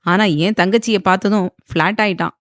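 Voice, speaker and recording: A woman's voice: mid-range voice, steady tone, brisk, no echo, studio quality, natural voice. A woman doing a boastful joking uncle. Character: proud middle-aged man, boastful and joking.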